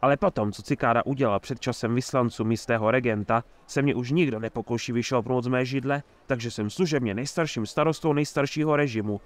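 Speaking in a mid-range register with a light acting touch, a man voices an older mayor, genial yet scheming. He comes across as warm and crafty, talkative and effusive.

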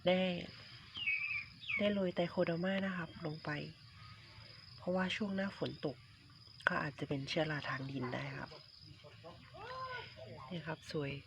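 A man's voice: high voice, normal speed, gravelly, long pauses. A man casually showing his garden plants to viewers, chatty and polite, often repeating himself and calling viewers his friends. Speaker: vlogger, home durian grower. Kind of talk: casual show-and-tell vlog. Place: outdoors in a rural garden. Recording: dull lo-fi phone audio, loud outdoor noise and roosters. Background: roosters, chickens and crickets.

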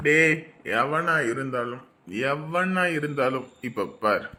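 A man's voice: on the high side, lively intonation, takes it slowly, sharp tone, a little hiss or hum, full character voice. A man playing a blustering newlywed. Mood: drunken bravado. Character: boastful newlywed man, cowed by his wife. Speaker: new son-in-law. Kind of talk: web drama acting.

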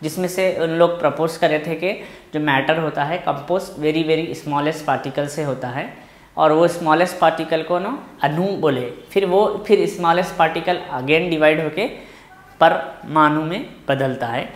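In a classroom with a board, a man with an Indian English accent and a slightly high voice teaches physics. He reads slowly from the textbook, then explains quickly in a mix of Hindi and English, and the room sounds echoey.

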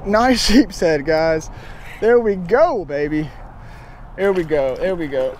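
Young man, eager outdoor vlogger, slightly high voice, action-cam sound with faint water noise behind. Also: slow. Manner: excited, chatty, says man and guys a lot. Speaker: fishing vlogger. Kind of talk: casual outdoor vlog commentary. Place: kayak on open water under a bridge. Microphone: action camera on chest and pole.

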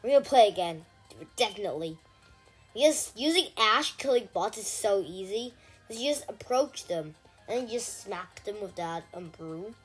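A woman giving casual gameplay commentary, chatty with frequent ums and sudden excited shouts. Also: mid-range voice, normal speed, husky, soft background music. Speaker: gaming channel host.

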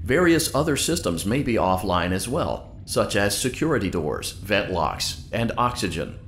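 An oblivious computer helper, chirpy and polite, his low voice run through computer processing. He bounces lively up and down as he reads out system messages. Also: moderate pace, a little hiss or hum. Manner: upbeat scripted announcements, chirpy customer-service tone. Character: cheerful male computer guide voice, polite and oblivious.

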